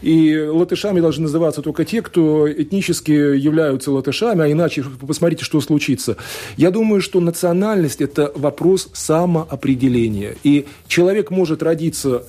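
A Latvian man whose first language is Russian answers questions as a radio interview guest; he is a law scholar and politician. His husky, dark-toned voice sits on the high side and moves fairly quickly, while his manner is thoughtful and hesitant, full of fillers and restarts.

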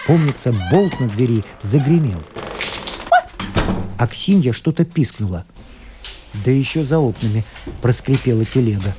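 A man reading a literary story aloud in the first person, measured and expressive, with faint music behind. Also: medium pitch. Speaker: narrator.

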